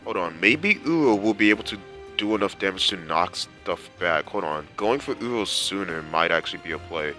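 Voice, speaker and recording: Young dude w a low pushy voice, exasperated rambling game commentary, slangy. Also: male voice, animated, normal speed, pushed and bright. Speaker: gaming channel host. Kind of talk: casual gameplay commentary. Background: faint game music.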